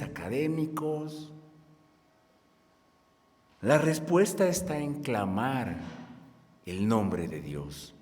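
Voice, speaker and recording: A man delivers a sermon at a measured, unhurried pace, his pitch moving widely as he swells to loud, emphatic peaks on key words. His voice carries a long reverberant tail, as if filling a large hall. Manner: slow, lively preaching with strong rises in loudness; leads the congregation in reading aloud. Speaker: pastor. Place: church hall at a conference.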